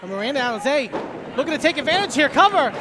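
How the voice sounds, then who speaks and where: A man doing live play-by-play wrestling commentary in an excitable way, punctuating his calls with exclamations. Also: very high-pitched, racing. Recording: noisy venue with loud crowd. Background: crowd noise.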